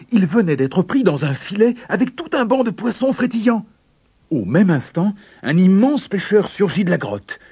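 A man reading a children's fairy tale aloud in an expressive, dramatic way. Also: mid-range voice, breathy edge, no room sound. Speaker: narrator. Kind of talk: storybook narration.

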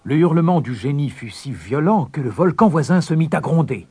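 A man's voice: fairly high pitch, lively intonation, fairly quick, mellow, breathy edge. A man narrating a fairy tale in a scripted, suspense-building storybook reading.

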